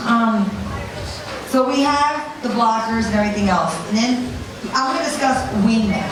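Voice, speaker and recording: A woman gives an informal, blunt seminar talk to an audience, telling anecdotes and swearing freely in a conversational way. Her fairly high voice moves at a moderate pace. The mic is distant, the room very echoey, and crowd noise is audible.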